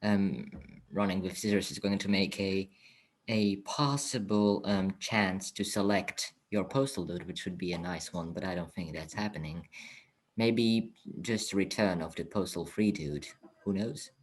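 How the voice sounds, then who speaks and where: Low husky male podcast host. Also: steady tone, a little slow. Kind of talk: interview questions.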